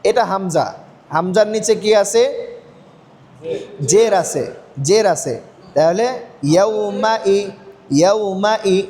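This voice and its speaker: A man teaching Quran reading step by step, asking questions and answering them himself, slowing down to spell out letters. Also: high voice, animated, crowd noise. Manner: slows down to spell out and recite letters. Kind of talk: step-by-step recitation lesson.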